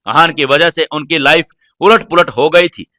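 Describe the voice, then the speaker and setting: A man narrating a serialized audio story in a steady storytelling manner. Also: on the high side, normal speed, no echo, studio quality.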